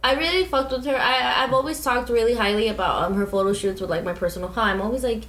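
A woman's voice: fairly high pitch, quick pace, fairly bright tone, reverberant, slight background noise, poor audio. Chatty opinionated woman in her twenties. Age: 20s. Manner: chatty, opinionated, many "like" fillers. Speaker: podcast co-host. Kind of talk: casual podcast chat. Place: at home.

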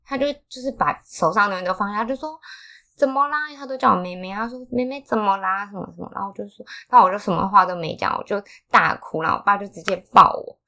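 A woman's voice: mid-range voice, fast talker, vocal fry, bright, forceful tone. A young woman with a Taiwanese Mandarin accent, co-hosting a podcast, telling a personal story with feeling and laughing as she goes. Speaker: podcast co-host. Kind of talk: casual chat.

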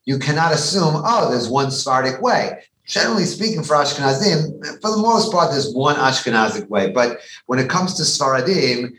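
Emphatic rabbi in an echoey room. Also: male voice, mid-range voice, very animated, moderate pace, a bit bright. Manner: emphatic, with frequent restarts and repeated words. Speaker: rabbi, guest. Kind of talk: conversational explanation on a podcast. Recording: echoey room with faint background noise.

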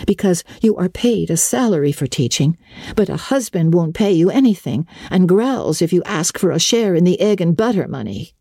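A woman with a warm, medium-pitched voice, recorded in studio quality with no echo, gives a dramatic audiobook reading of a classic novel. She plays an earnest, imaginative, chatty schoolgirl in her early teens who's full of opinions and dramatic flourishes.

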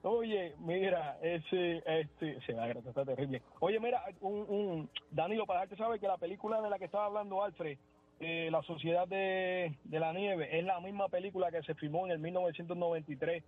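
A man's voice: high voice, moderate pace. A man calling in to a radio show, friendly and chatty. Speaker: caller. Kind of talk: casual radio phone-in chat. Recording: tinny phone line.

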